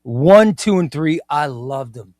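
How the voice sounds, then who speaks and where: A man's voice: a little high, lively intonation, slow pace, darkish tone, dry recording, clean studio sound. A man in his fifties hosting a comic book livestream, chatting casually and with enthusiasm, often repeating himself. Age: 50s. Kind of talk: casual livestream chat reading viewer comments.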